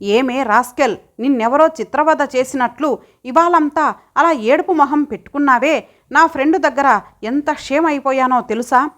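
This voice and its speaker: A woman's voice: high voice, measured pace, a bit bright. A woman voicing a scornful, bullying husband. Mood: angry. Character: domineering, contemptuous young husband.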